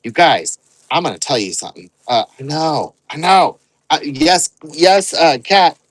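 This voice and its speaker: A man's voice: a little high, lively intonation, unhurried, no room sound, rough recording. Chatty man hosting a live sale. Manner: rambling, joking, counts items aloud. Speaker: online live-sale host. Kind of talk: casual live-selling chatter.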